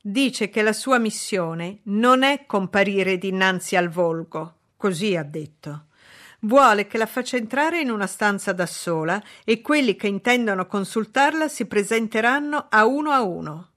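A woman's voice: medium pitch, lively intonation, a little slow, fairly bright tone. A woman voicing a flustered male servant in a read-aloud novel, reporting anxiously and apologetically to his masters.

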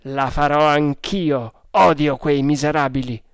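Narrator voicing a terse young jungle hunter. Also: male voice, on the high side, fairly even intonation, measured pace, clear, resonant tone, no room sound, studio quality. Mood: guarded. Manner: terse, restrained. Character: guarded young male jungle hunter, brave and wary.

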